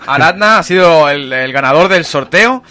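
Bright-voiced podcast host, laughing. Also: male voice, fairly high pitch, expressive, normal speed. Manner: laughs often, storytelling with fillers. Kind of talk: casual chat.

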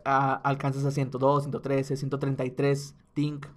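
A man with a Mexican accent, hosting a casual, joking commentary on rap battles in an animated, slangy way. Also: medium pitch, moderate pace. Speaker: host.

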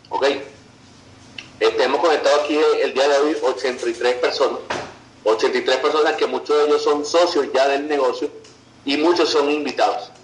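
A man's voice: a little high, echoey room, slight background noise, low-quality recording. A man from Venezuela, giving an online business presentation in a persuasive way and often checking in with "ok" and "right". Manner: persuasive, tags sentences with "ok" and "verdad".

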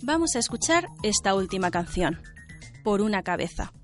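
A woman with a Spanish accent from Spain, presenting a radio program in a clear, measured teaching manner and interviewing students. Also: medium pitch, very animated, over loud music. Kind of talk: scripted narration and interviewing.

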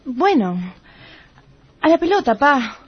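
A woman's voice: high-pitched, very animated, slow, muffled recording, full character voice. A woman playing a cheeky, blunt pregnant young daughter, in a radio comedy.

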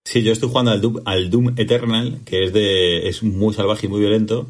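A man's voice: lowish voice, fairly even intonation, moderate pace. A man with a Spanish accent co-hosting a podcast, telling stories in a rambling, hesitant casual chat. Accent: Spain. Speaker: podcast co-host.

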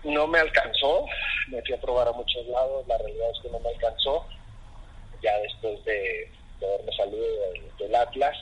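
A middle-aged man, telling his story as an interview guest in an animated, casual way. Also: mid-range voice, normal speed, slightly rough, rough recording. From Mexico. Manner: animated, acts out dialogue, many fillers. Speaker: interview guest, goalkeeper coach.

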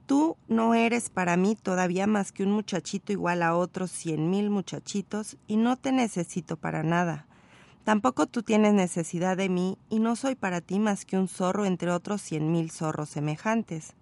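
A woman voicing a wistful, patient male fox, explaining calmly while reading a story aloud. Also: mid-range voice, normal speed, gravelly, natural voice. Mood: earnest.

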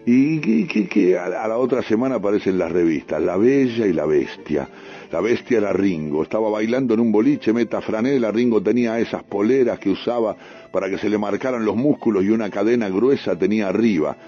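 A man with a Rioplatense accent, a radio host, reading a first-person story in an unhurried way with street slang. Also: fairly low pitch, warm tone. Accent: Rioplatense Spanish. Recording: dull radio broadcast, faint music.

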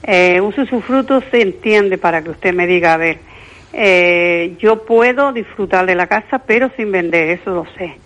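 A woman's voice: on the low side, moderate pace. An older woman calling in to a radio show over the phone, chatty and affectionate, hesitating with fillers as she asks her question. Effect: caller heard over a phone line. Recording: dull muffled phone line.

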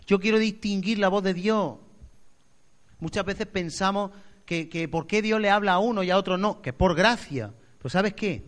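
Expressive male pastor preaching. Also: fairly high pitch. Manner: expressive, acts out voices, swings loud to soft. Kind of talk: sermon.

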